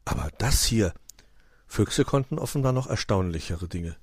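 A man narrating a children's story in a lively, expressive way. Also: lowish voice, moderate pace, husky, dry recording, clean studio sound.

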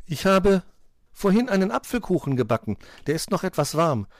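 A man doing a kind, cheerful young fairy-tale woman who welcomes guests. The voice is lifted well above his own pitch. The recording is dry and close. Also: very animated, moderate pace, no room sound. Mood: welcoming. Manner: friendly, hospitable.

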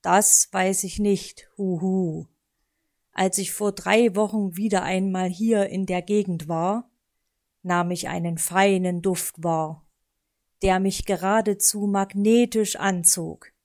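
Storybook owl voiced by a woman: greedy, guilty old male owl, pleading and sighing, hooting tag, slow. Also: mid-range voice, steady tone, a little mellow. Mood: sheepish. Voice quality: hoots a "huhu" at line ends.

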